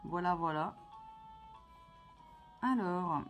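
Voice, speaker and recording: A woman's voice: on the low side, drawn-out words, faint music behind. A woman chatting casually to her viewers as she plays a video game, playful and talkative. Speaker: vlogger playing a video game. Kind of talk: casual gameplay commentary.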